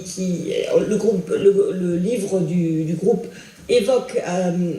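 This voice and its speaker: In an attic lecture hall at a school, a middle-aged theology professor answers audience questions thoughtfully, with many restarts and hesitations. Her voice is mid-range and mellow, picked up from far off in an echoey hall.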